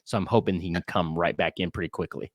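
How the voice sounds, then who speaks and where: A man's voice: sits low, fairly even intonation, fast talker, dry recording, studio quality. A man hosting a casual podcast chat, talking earnestly and conversationally. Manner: earnest and conversational, with fillers and restarts. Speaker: podcast host.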